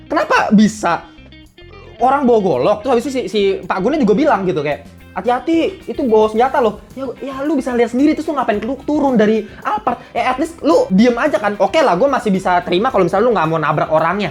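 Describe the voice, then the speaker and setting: A young woman talks through her review of a series at a rapid clip. She sounds blunt and animated, heavy on slang, and swears now and then. Faint music sits low behind her voice. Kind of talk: casual spoken review.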